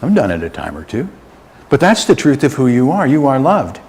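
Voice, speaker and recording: A man preaching a sermon as a minister in a church sanctuary, animated and leading the congregation in call and response. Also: mid-range voice, fairly quick.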